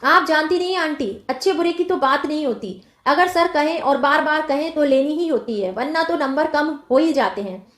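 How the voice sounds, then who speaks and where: A woman's voice: sits high, normal speed, few pauses, fairly bright tone. A woman reading tearful sulky schoolboy. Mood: plaintive. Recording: roomy echo.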